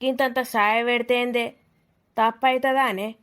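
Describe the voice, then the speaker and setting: A quarrelsome old village grandmother in a cartoon, played by a woman bickers and taunts. Her voice sits slightly high. She sounds like a grandmother who loves a squabble. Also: fairly even intonation, normal speed, fairly bright tone, natural voice. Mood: taunting. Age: older.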